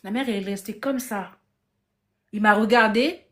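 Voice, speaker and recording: Woman, casual storytelling, live phone stream, lively, restarts her sentences, mid-pitched voice. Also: moderate pace. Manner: lively anecdotal telling, acts out others' lines, frequent restarts. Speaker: guest on a live discussion.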